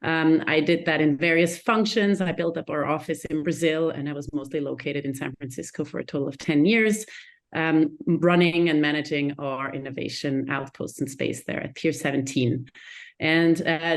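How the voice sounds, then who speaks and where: A woman who grew up in Switzerland, a CEO, introducing herself on a video call panel in a personal way, now and then correcting herself. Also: sits low. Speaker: CEO of an innovation hub.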